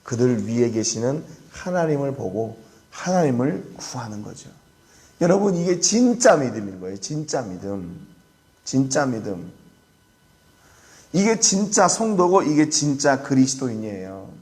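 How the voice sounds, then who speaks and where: Korean pastor guy preaching at dawn service, mid-pitched voice, earnest, goes quiet for emphasis. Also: big pitch swings, unhurried. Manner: earnest preaching, acts out scoffers' voices, rising then dropping to soft emphasis. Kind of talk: early-morning prayer sermon.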